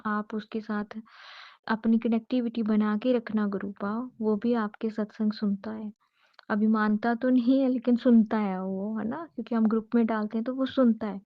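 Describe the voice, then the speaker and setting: A woman's voice: a little high, no echo, dull audio. A woman earnestly sharing a devotional testimony, repeating her thanks to her guru, recorded as a phone voice note.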